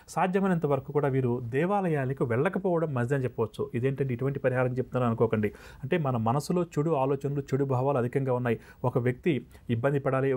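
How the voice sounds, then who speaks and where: A man presents a television astrology segment in a TV studio, laying out remedies for viewers. He talks at a brisk clip in a steady, explanatory flow. His voice sits at an ordinary middle pitch. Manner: fast, steady explanatory delivery. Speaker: astrologer host.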